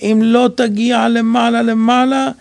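A man preaching a sermon in a strongly gravelly, creaky voice pitched fairly high. He tells stories animatedly and acts out the dialogue. The sound is dry and close. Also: no room sound. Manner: animated storytelling, voices dialogue, rising to shouts. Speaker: rabbi preacher.

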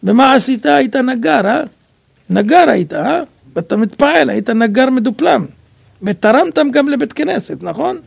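A man preaching a sermon in a strongly gravelly, creaky voice pitched fairly high. He tells stories animatedly and acts out the dialogue. The sound is dry and close. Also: dry recording. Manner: animated storytelling, voices dialogue, rising to shouts. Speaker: rabbi preacher.

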